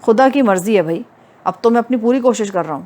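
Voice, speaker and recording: A cold, scheming man in an audio novel, speaking calmly and cunningly, voiced by a woman reader in her own register. He sounds steady and controlled. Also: a little high, natural voice. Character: scheming man, cold villain narrating his plot.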